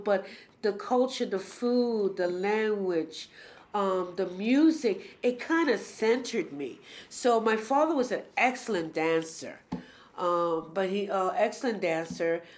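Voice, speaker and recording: Speaking in a mid-range voice, a woman in her sixties from New York City, an artist, answers questions as a guest in an informal interview, halting often while she searches for words.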